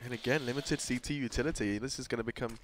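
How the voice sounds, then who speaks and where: Fast-talking man casting esports. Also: mid-range voice, a little hiss or hum. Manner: quick, joking, animated calls. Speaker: esports caster. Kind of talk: casual desk chat and play-by-play.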